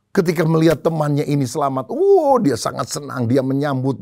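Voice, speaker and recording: A man's voice: mid-range voice, gravelly, a little mellow, dry recording, clean studio sound. A male pastor preaching a sermon in a conversational storytelling style, with rhythmic repeated phrases.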